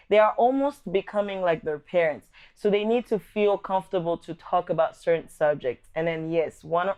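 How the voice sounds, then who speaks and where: Her voice is fairly low, darkish, clear and resonant, though the audio is dull: a young adult woman from the Democratic Republic of Congo talking earnestly to camera about her upbringing as a vlog host. She stays measured and thoughtful, occasionally restarting.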